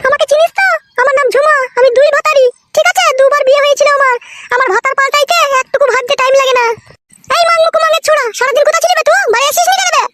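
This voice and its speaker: A screeching foul-mouthed young wife. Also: female voice, very high-pitched, fairly even intonation, rapid-fire. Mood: scolding. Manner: screeching insults. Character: brash twice-married young wife, foul-mouthed and violent. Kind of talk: comic cartoon dub. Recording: loud background noise.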